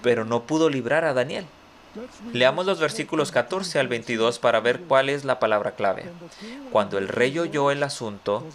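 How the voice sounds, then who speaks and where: A man's voice: medium pitch, a bit bright. A man preaching a sermon as pastor, reading scripture aloud and quizzing listeners with rhetorical questions. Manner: reads scripture aloud, then comments.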